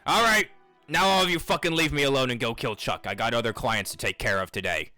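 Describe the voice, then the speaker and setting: A foul-mouthed dwarf shipwright who barks out blunt, crude deals, as a man puts him on. The voice is bright and forceful, and it sounds dry, close and plain. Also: medium pitch, fast talker, dry recording, faint music behind, natural voice, rough recording. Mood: dismissive. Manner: blunt and crude, swearing often.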